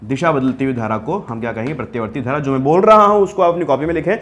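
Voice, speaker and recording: Higher-pitched man teaching physics. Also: quick pace, a bit bright, slight background noise. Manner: asks questions and answers them himself, repeats key terms; mixes English technical terms into his talk. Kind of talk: classroom lecture.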